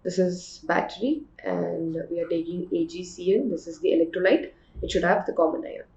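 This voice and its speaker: Echoey and slightly dull recording, Indian-accented woman, teacher, medium pitch, question-and-answer explanations. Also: fairly even intonation, fairly quick, vocal fry, darkish tone. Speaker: chemistry teacher. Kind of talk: exam revision lesson, reading questions and explaining answers.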